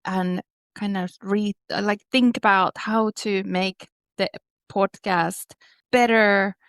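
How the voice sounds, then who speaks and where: A woman co-hosts a podcast from a remote call, chatting loosely, often trailing off and correcting herself. Her voice carries a gravelly fry at a middle pitch, and the sound is close and dry. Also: fairly even intonation, slow, dry recording. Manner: rambling, self-correcting, laughing. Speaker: podcast co-host. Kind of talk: casual chat.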